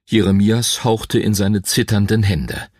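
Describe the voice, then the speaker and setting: Slow, expressive male storybook narrator. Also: lowish voice, no echo, studio quality. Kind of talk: audiobook narration.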